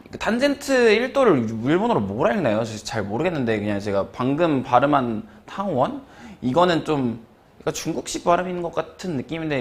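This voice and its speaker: Lively-voiced Korean math teacher man. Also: mid-range voice. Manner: relaxed, rambling with many fillers and chuckles. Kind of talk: casual lecture.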